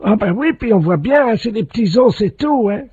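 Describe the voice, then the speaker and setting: A man's voice: sits high, lively intonation, a little fast, warm tone, slightly rough, dry recording. A man voicing a naive, flustered housewife who chatters insistently over a landline phone in a prank call. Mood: chatty, insistent. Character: gossipy, flustered housewife reporting a neighbourhood scandal. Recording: muffled landline phone, dry.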